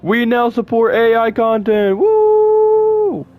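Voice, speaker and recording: A man putting on a sarcastic, overjoyed voice that cheers a new low with mocking whoops. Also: very animated, takes it slowly, phone-quality sound, over music, exaggerated voice. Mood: mock jubilant.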